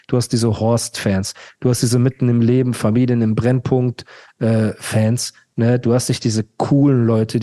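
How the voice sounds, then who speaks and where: A man's voice: medium pitch, mellow. A man hosting a casual rap podcast, ranting emphatically and repeating himself. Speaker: podcast host.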